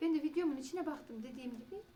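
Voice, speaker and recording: A woman's voice: high-pitched, rapid-fire, dark tone, muffled recording. A woman, chatting casually and rambling in a home vlog, sometimes talking to her cats. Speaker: vlogger.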